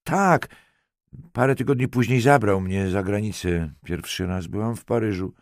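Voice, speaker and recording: A man's voice: lowish voice, normal speed, no echo, voice pushed up, natural voice. A man reading a young woman, teasing at first and later frightened and close to tears. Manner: teasing, then pleading and breathless.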